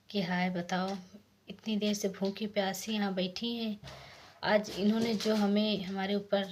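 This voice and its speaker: A woman casually narrating a village folk tale, softly voicing the lines of each character. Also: medium pitch, slight background noise. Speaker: storyteller.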